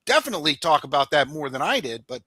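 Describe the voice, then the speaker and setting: A man with a bright, forceful voice in a dry, close recording, hosting a sports talk show. He recaps events conversationally, stopping on an "um" or "uh" now and then, a bit higher pitched than most men. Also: big pitch swings, fast talker, dry recording.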